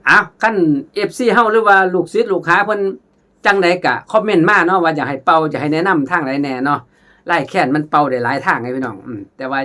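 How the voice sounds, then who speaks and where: A man with an Isan accent giving a casual khaen lesson, chatting warmly to viewers as brothers and sisters and sometimes singing melodies in syllables. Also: medium pitch. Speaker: khaen teacher.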